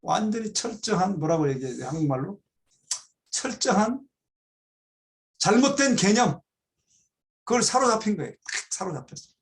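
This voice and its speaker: A man teaching a Bible study, reading English phrases slowly and explaining them, repeating key words for emphasis. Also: sits high, big pitch swings. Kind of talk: explaining an English text line by line.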